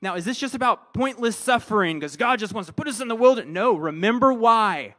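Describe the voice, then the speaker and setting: A man preaching a conversational sermon, playful and self-deprecating, often dropping to hushed, almost whispered words. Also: high voice, animated, fairly quick. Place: church gathering.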